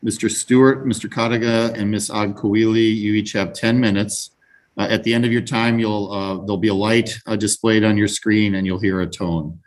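A man's voice: fairly low pitch, steady tone, normal speed. A man presiding as chief justice, giving formal procedural remarks on a video call. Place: remote hearing on video call.

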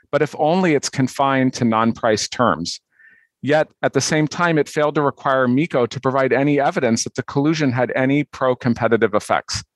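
A man's voice: medium pitch, no room sound. Man arguing formally, in a dry recording. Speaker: appellant's attorney. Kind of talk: formal oral argument.

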